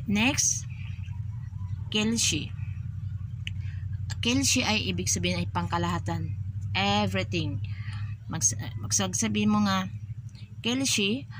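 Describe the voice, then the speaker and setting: A woman's voice: fairly low pitch, background noise. A woman with a Filipino accent giving a casual spoken language lesson, patiently repeating each word and giving everyday examples. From Philippines. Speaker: language teacher for overseas workers.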